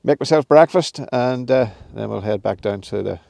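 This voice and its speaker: On a windy mountaintop, an outdoor vlogger in his fifties talks casually into a phone camera held out at arm's length. His voice is medium in pitch, dark and creaky, at a moderate pace, captured dry. He's chatty, laughing a lot and poking fun at himself.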